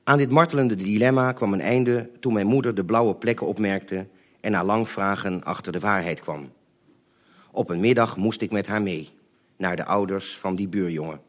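Deep-voiced man reading his memoirs. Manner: measured, dry, deliberate. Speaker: memoir reader. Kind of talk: reading his own short memoirs aloud.

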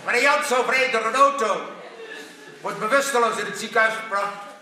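A man telling a string of jokes to a live audience, acting out the characters in a lively way. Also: extremely high pitch, brisk. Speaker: stand-up comedian. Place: theater stage with a live audience. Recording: echoey hall from far off.

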